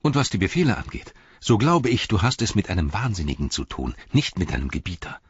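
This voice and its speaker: A man voicing a small, frightened young hobbit who pleads urgently in a raised, husky voice. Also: sits low, big pitch swings, fast talker, no echo, pitched above the performer's own voice, full character voice. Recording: dull, dry recording.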